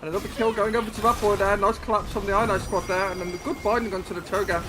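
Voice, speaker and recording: A man's voice: high-pitched, steady tone, racing, background noise. A man casting a live esports match, bantering playfully with his co-casters. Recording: game music clearly behind the voice.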